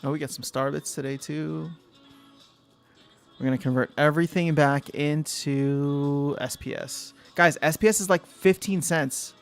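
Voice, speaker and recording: A man's voice: a little high, fairly even intonation, a little slow, creaky, faint music behind. A young man hosting a casual livestream, thinking aloud, answering chat and trailing off mid-sentence. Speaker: livestream host.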